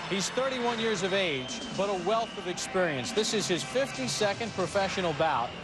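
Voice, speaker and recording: A man's voice: high-pitched, lively intonation, moderate pace. A man giving live boxing commentary, setting out facts and records in an announcer's delivery. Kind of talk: live broadcast sports commentary. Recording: loud music and crowd behind commentary. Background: loud entrance music and arena crowd.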